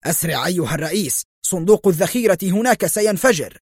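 A man's voice: sits high, expressive, slightly rough, dry recording, clean studio sound, pitched above the performer's own voice, exaggerated voice. A man doing a panicked henchman. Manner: rushed and urgent. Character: panicked male henchman bringing alarm.

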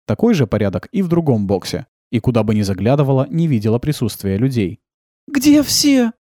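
A narrator reading an audiobook with calm storytelling. The pitch moves in a lively way, and the recording is close and dry with no room sound. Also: fast talker, no echo.

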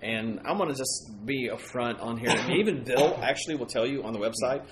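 A man's voice: medium pitch, brisk. A man in casual conversation, hosting a ghost-hunting talk show. He rambles in a chatty way, often correcting himself mid-sentence. A faint hum sits under his voice. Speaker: paranormal podcast host. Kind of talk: casual chat.

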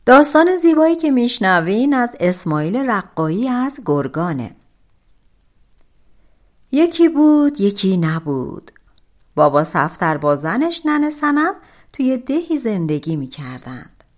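Lady telling an old folk tale, super lively pitch, a bit high, drawn-out endings. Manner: expressive, colloquial, drawn-out phrase ends. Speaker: audiobook narrator.

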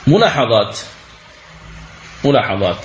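A man teaching the rules of Quran recitation, asking questions and answering them himself, and chanting verses slowly as examples. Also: medium pitch, sing-song, lo-fi sound, a little hiss or hum. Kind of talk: religious lesson commentary.

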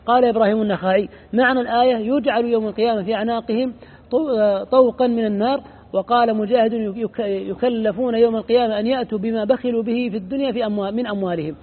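A man's voice: very high-pitched, steady tone, racing. A man reading a classical religious commentary aloud at speed, often stumbling and repeating words. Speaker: student reading the text aloud. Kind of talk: fast recitation of a classical commentary. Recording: tinny phone-like lo-fi audio.

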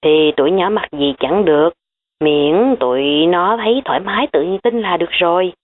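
An easygoing middle-aged uncle, as a woman reads him, relaxed and teasing in a lowish voice. The audiobook audio is tinny, like a phone line. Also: moderate pace, close to an everyday voice. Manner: relaxed, joking.

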